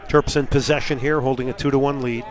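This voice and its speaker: A man's voice: mid-range voice, flat delivery, quick pace. A man doing live play-by-play commentary of a soccer match. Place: outdoor college soccer stadium broadcast. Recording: clear outdoor stadium ambience noise.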